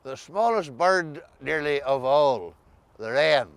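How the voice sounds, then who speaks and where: Ulster Scots male interviewer, slightly high voice. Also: animated, slow, vocal fry, no echo. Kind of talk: casual question-led interview.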